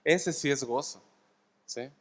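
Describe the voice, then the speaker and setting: A man's voice: mid-range voice, slow, a bit bright. A man with a Mexican accent, a pastor giving an expository sermon, often checking in with the congregation and repeating his points for emphasis. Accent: Mexican Spanish. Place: church sanctuary. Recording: long hall reverb.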